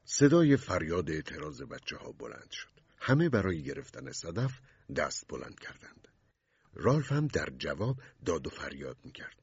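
Male narrator, deep husky voice, lively intonation, dull dry studio recording. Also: dry recording. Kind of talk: scripted narration.

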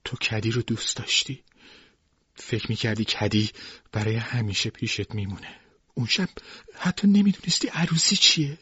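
A man voicing a calm inner voice that gently soothes and reminds. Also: medium pitch, husky, no echo, dull audio. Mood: soothing.

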